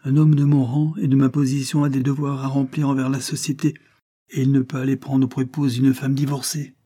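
A man's voice: medium pitch, level tone, fairly quick, pitched above the performer's own voice, close to an everyday voice. A man voicing a callous aristocratic seducer, speaking in a sneering, offhand way. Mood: haughty. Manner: sneering, offhand delivery, raised and loud.

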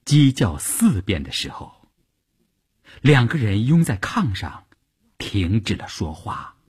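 A man narrates a novel for a radio storytelling program. His voice is husky and rough, his pitch swinging widely from line to line, and he takes his time over every phrase. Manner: slow, expressive narration.

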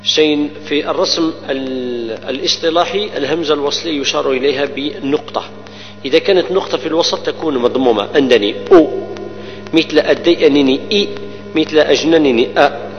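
A man teaches the rules of Quran recitation, explaining each rule and then reciting example words slowly and repeating them. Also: fairly high pitch, faint music behind. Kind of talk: tajweed lesson with recited examples. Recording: dull lo-fi recording with long reverb and hum.

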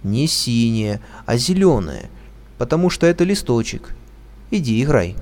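A man's voice: medium pitch, big pitch swings, a little slow, darkish tone. A man voicing an impatient, scolding older sister in a children's story. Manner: irritable, scolding.

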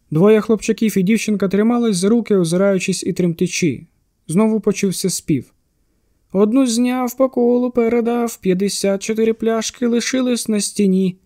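A man reading an audiobook thriller in a steady, measured narration. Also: sits high, no room sound, studio quality.

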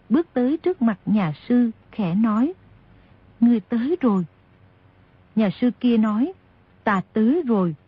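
A woman narrating a novel aloud in steady, expressive storytelling. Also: fairly high pitch, husky, dry recording. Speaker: audiobook narrator. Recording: dull lo-fi audio.

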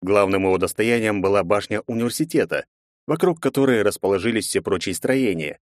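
Male audiobook narrator, low voice, measured first-person reading, dry close sound. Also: no room sound.

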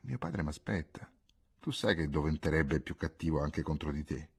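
A man reading the part of an anxious young man in love, hushed, strained and earnest. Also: extremely low pitch, expressive, normal speed, vocal fry, slightly rough, pitched below the performer's own voice, heavily acted. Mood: pleading.

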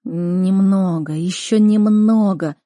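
A woman voicing a royal leopard who speaks slowly and urges the heroine on in a storybook reading. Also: high-pitched, vocal fry, dark tone, no room sound, clean studio sound, heavily acted. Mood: urgent. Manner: slow, urging. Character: royal snow leopard, calm but urgent.

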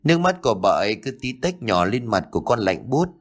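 Lowish, sing-song and fairly quick, a man's voice plays a timid, easily frightened young son in an audiobook ghost story. He sounds anxious, stammering out his fears.

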